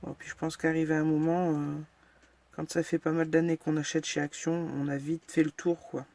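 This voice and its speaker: A woman hosts a casual crafting tutorial, chatting frankly and narrating each step as she works, with plenty of filler words and a self-deprecating manner. Her voice is deep and warm, with level intonation and a normal pace.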